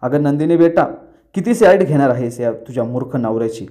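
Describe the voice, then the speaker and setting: A man's voice: medium pitch, animated, brisk, mellow, close to an everyday voice. A man voicing a stern father from a TV serial, scolding his son harshly. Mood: angry.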